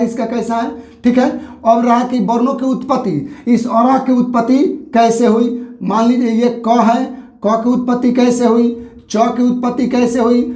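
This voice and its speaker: A male teacher giving a grammar lesson at a board, explaining slowly and repeating each point with a check-in. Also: very high-pitched, darkish tone. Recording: echoey room.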